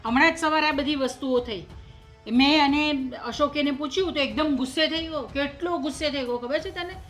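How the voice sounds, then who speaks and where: An actress voicing a middle-aged mother-in-law who keeps pressing and listing grievances. Her voice sits a little high and firm. A soft score plays under the scene of this family drama. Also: brisk, lightly acted. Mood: stern. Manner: accusing, insistent, lists sums and grievances. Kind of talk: short-film drama acting. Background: soft background music.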